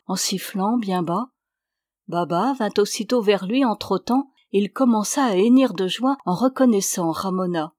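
A woman reading a novel aloud as an audiobook in a measured, even storytelling manner. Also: medium pitch, no echo, studio quality. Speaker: audiobook reader.

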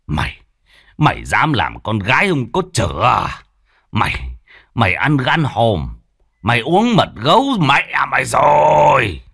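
A man voicing a stern, hot-tempered wealthy old village patriarch who scolds and shouts orders. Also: extremely low pitch, big pitch swings, unhurried, no echo, clean studio sound, voice pushed down, heavily acted. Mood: furious.

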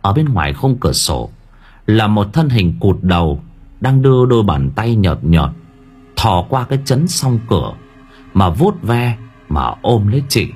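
A man's voice: lowish voice, very animated, unhurried, a little mellow, slightly rough. A man narrating a horror story in a dramatic storytelling manner. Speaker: audiobook narrator. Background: faint background music.

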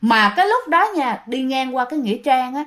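High-voiced Southern Vietnamese woman storyteller. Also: lively intonation, a little fast, a bit bright. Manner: chatty, addresses listeners directly, trails off and restarts. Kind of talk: casual ghost story narration.

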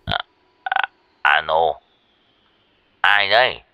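A man's voice: low-pitched, expressive, very slow, pushed and bright, clear, resonant tone, dry recording, voice pushed down, full character voice. A man voicing a frightened old village father in a ghost story, stammering and quavering. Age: older.

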